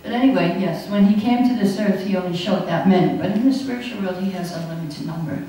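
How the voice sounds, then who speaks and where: Fast and dark-toned, her voice sits in the mid range as this older woman laughs her way through an anecdote-filled scripture class. She speaks at a podium mic on a stand inside an echoey hall, and the recording is made from some distance.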